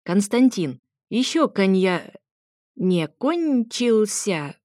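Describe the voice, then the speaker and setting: A woman's voice: mid-range voice, sing-song, very slow, no room sound, studio quality. A woman doing a brash, bossy grandmother. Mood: merry. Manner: loud, scolding, mocking. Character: grandmother, bold, brash and commanding.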